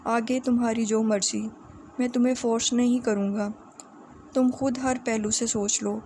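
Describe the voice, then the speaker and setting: Brief: woman voicing a gentle older uncle, mellow and warm-toned. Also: fairly high pitch, fairly even intonation, slight background noise, close to an everyday voice. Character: older man, kindly fatherly uncle.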